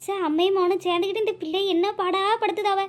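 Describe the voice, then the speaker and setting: A woman's voice: very high voice, steady tone, quick pace. A woman doing a chatty, kind neighbor. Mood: sympathetic. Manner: sympathetic, chatty.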